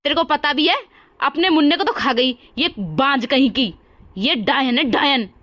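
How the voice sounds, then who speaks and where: A woman's voice: high voice, normal speed, a bit bright, dull audio. A woman voicing a harsh, taunting older mother-in-law in a cartoon story. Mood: angry.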